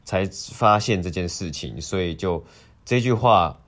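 Deep-voiced man. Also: a bit bright. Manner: halting, repeats phrases, mixes in English words. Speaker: podcast co-host. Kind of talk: casual news discussion.

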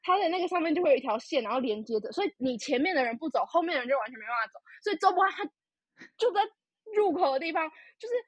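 A young woman, telling a story in casual podcast chat, animated and full of fillers. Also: sits high, racing, dry recording. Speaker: podcast co-host. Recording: dull lo-fi podcast audio.

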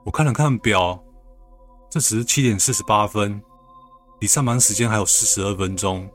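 A man calmly narrating a first-person ghost story. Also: lowish voice, moderate pace, soft background music.

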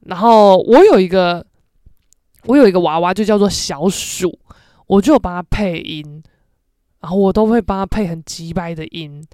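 A woman's voice: on the low side, moderate pace, dry recording, studio quality. A young woman with a Taiwanese Mandarin accent, hosting a podcast and telling family stories casually, acting out the voices of relatives. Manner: animated, acts out family members' voices. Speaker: podcast host. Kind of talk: casual storytelling.

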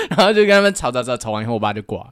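A guest from Taiwan telling a story in a relaxed, laughing way during a casual podcast chat. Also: medium pitch, racing, clear, resonant tone, no room sound, studio quality.

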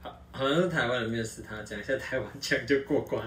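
A man's voice: mid-range voice, quick pace, very noisy. A young man from Malaysia chatting casually as a guest, recorded in a roomy space away from the mic. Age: young adult. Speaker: podcast guest. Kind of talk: casual chat. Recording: roomy echo, distant from mic.

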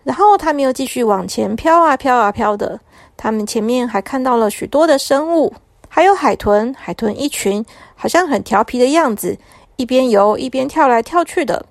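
A woman reading a children's story aloud, her voice fairly high and gentle. She takes an easy, soothing pace. It sounds close to the mic, with a dry sound. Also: animated, normal speed, dry recording.

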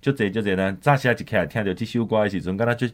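A man's voice: on the low side, rapid-fire. A man with a Taiwanese accent hosting a music show, chatting casually with lots of interjections. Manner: animated, with frequent interjections and backchannels. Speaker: radio music show host.

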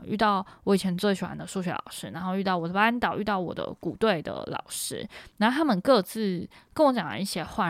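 Young woman, podcast host, casual rambling storytelling, medium pitch, dry sound. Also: dry recording. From Taiwan (Matsu islands). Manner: chatty, rambling, with frequent fillers and self-corrections.

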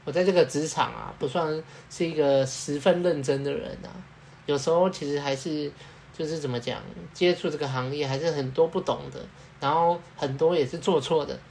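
A man talks through workplace anecdotes in a relaxed, meandering podcast chat. He leans on fillers, acts out small exchanges as he goes, and a faint hiss sits under the recording. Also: on the high side, fairly quick. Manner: rambling storytelling with fillers and laughs. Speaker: podcast co-host. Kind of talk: casual chat.

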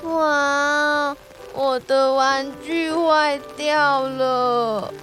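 A woman voicing small baby penguins who wail and sob slowly. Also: high voice, fairly even intonation, fairly bright tone, faint music behind, voice pushed up, exaggerated voice. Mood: tearful. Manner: wailing, sobbing slowly.

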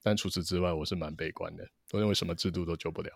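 A man's voice: low-pitched, fairly even intonation, racing, gravelly, no room sound. A man co-hosting a casual podcast, opinionated and mixing English words into his speech. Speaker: podcast co-host. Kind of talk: casual sports chat.

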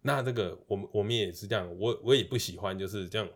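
A man putting on the voice of a smooth-talking male fortune teller, speaking softly and slowly in a coaxing way. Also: fairly low pitch, pitched below the performer's own voice.

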